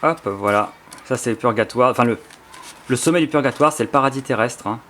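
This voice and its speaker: A YouTuber with a French accent shows off his book collection, casually and enthusiastically unboxing a book and flipping through it while rambling with many fillers and restarts. His medium-pitched voice is fairly quick and fairly bright, with slight background noise.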